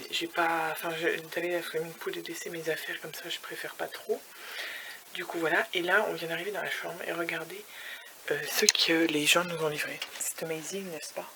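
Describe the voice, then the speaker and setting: There's background noise as a woman with a voice on the low side rambles chattily in a casual vlog filmed in her hotel room. She scatters English words through her talk and now and then slips into a whisper.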